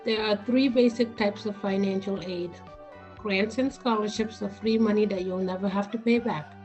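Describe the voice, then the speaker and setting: Lady voiceover explaining aid stuff, clear and instructive, light music under it. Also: medium pitch, moderate pace, poor audio. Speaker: announcer. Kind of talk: scripted informational narration. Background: soft music.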